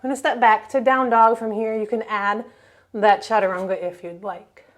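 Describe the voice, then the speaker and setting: Woman, yoga teacher, calm flowing cues, medium pitch. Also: normal speed. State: slightly out of breath at times. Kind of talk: guided yoga class instruction.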